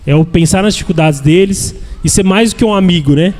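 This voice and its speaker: Brazilian male church speaker, earnest and repetitive, a bit high-pitched, reverberant hall. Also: a little fast, a little mellow. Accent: Brazilian Portuguese. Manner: earnest, repetitive, asks "né?" often. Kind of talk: sermon-style teaching. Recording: echoey hall with long reverb.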